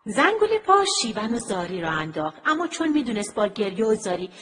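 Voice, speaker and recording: Lively woman telling a children's story. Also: medium pitch. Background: music.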